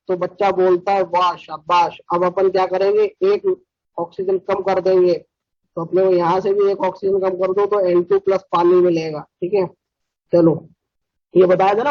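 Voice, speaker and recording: Brisk, high-voiced man teaching chemistry. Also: no room sound. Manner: brisk, scolding, mimics students. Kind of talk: online chemistry lecture. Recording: dull, dry lo-fi sound.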